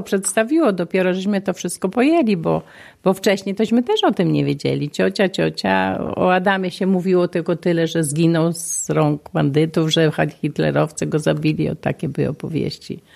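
Gravelly-voiced woman recalling the past. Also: mid-range voice, a little mellow. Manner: reflective, with restarts. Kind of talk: documentary interview recollection.

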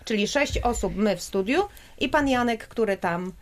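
A woman's voice: mid-range voice, animated. Encouraging woman hosting a studio chat. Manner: encouraging, questioning, quick interjections. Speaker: radio host talking with children. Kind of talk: lively studio conversation with kids.

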